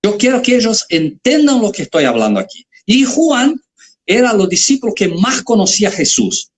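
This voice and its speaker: Preacher w roots, bouncy pitch, chatty sermon. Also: sing-song, normal speed. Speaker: preacher in a quoted clip.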